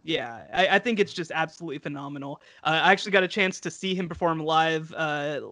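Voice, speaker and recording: A man's voice: on the high side, fairly quick, bright, forceful tone, no room sound. A young man in casual podcast chat, talking eagerly in long run-on thoughts over a headset on a video call from home. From United States. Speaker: podcast co-host. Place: home room. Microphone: headset mic on video call.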